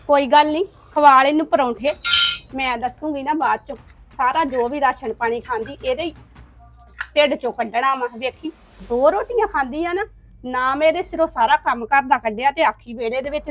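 A woman's voice: high voice, slight background noise, natural voice. A woman playing a spiteful, grumbling sister-in-law. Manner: muttering, bitter, scornful grumbling. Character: spiteful resentful sister-in-law, grudging and sharp-tongued. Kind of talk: family drama acting.

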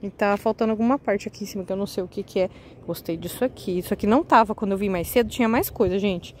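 A woman's voice: medium pitch, very fast, a little mellow, a little hiss or hum, rough recording. Chatty woman vlogging outdoors. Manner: chatty, eagerly addresses viewers. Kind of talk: casual vlog walkthrough. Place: outdoors on a residential street.

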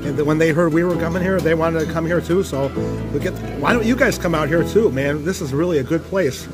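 A man's voice: fairly high pitch, brisk, music in the background. A man hosting a casual food-review vlog, chatting and rambling while he eats at a buffet restaurant. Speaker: vlog host. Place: buffet restaurant, then outdoors.

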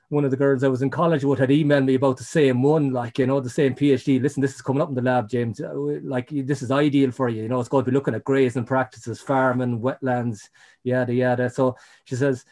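A man's voice: mid-range voice, a little mellow. An Irish man, middle-aged, telling his story in a casual interview, rambling with many restarts and "you know". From Ireland. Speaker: guest, ecologist.

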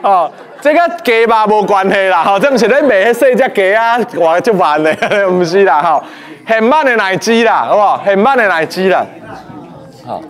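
A man teaching a class, lively and playful, often quizzing his students. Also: high voice, normal speed, some chatter behind. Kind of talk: lecture to a class.

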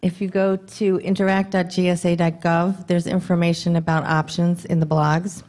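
A woman in her thirties giving a conference talk at a podium microphone in a dim hall, brisk and conversational, throwing rhetorical questions to the audience. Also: on the low side, little pitch movement, darkish tone. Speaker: government contracting presenter. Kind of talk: conference presentation.

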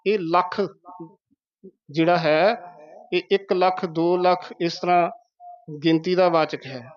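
A man giving a slow, patient pronunciation lesson, breaking words into syllables. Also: high-pitched, steady tone, no echo, highs cut off. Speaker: teacher of scripture pronunciation.

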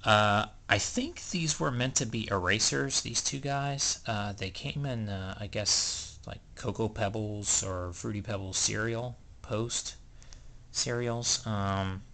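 A man's voice: on the low side, slow pace, gravelly, sharp tone. A young man in a small room at home, rambling and hesitant through a casual show-and-tell of his collection, with plenty of ums. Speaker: collector selling items.

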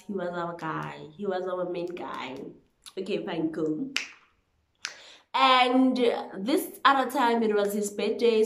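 A woman in her twenties with a South African accent tells a story casually to the camera. She is animated and emphatic, slipping between two languages as she goes. Her voice sits at a middle pitch, recorded in an echoey living room. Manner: animated and emphatic, hand-waving, chatty. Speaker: vlogger telling a storytime. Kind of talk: casual storytelling to camera, mixing English and Zulu. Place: small living room, indoors.

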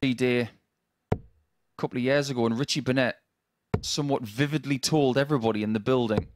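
A man's voice: medium pitch, steady tone, fairly quick, background noise. A man giving live darts commentary as a sports commentator.

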